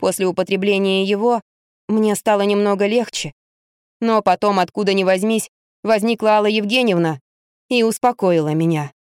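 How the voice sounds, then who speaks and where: A woman of middle pitch reads a first-person story aloud with a wry, lively delivery. The recording is dry and close, with no room sound at all. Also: normal speed, clear, resonant tone, no room sound. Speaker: audiobook narrator. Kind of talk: first-person audiobook narration.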